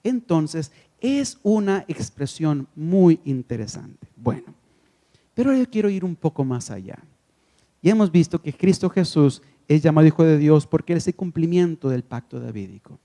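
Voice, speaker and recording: A man's voice: on the high side, lively intonation, moderate pace, mellow, in a large hall. A man giving a Bible lecture at a conference, emphatic, asking the audience questions and answering them himself. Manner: emphatic, repeats key phrases. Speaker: conference speaker.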